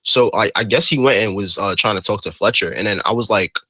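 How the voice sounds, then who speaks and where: Man, low voice, rapid and rambling, bright tone, dry close sound. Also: breathy edge, dry recording. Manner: rambling, filler-heavy retelling. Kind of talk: in-character roleplay voice chat.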